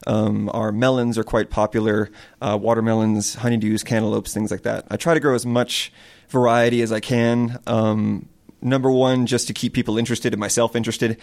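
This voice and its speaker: Farmer from Connecticut, low and level, plain earnest answers to an interviewer. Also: male voice, flat delivery, moderate pace, darkish tone. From Connecticut, USA. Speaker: small farm owner.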